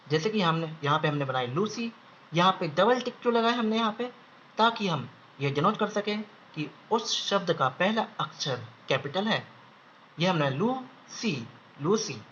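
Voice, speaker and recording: Slow, bright-voiced shorthand teacher. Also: male voice, high voice. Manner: slow, repeats each word several times while drawing outlines. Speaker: shorthand instructor. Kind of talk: step-by-step lesson. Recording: slightly dull audio with faint background hiss.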